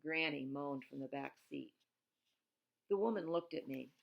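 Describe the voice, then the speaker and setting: Her voice deep and gravelly, a woman reads a children's novel aloud at a measured pace, expressive throughout and breaking off for informal, teacher-like asides that explain things plainly. The highs in the recording are cut off.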